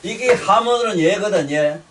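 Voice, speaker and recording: An older man preaches, his voice pitched high for a man. He rants bluntly, cursing and circling back over the same words. He sounds set back from the microphone. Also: expressive, unhurried, fairly bright tone, recorded from a distance, a little hiss or hum. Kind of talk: sermon.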